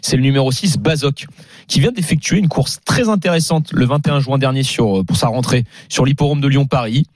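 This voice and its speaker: A man on a radio panel explaining his picks with many pauses and fillers. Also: mid-range voice, no room sound, clean studio sound. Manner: explains technical points, filler-heavy. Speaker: radio pundit on horse racing.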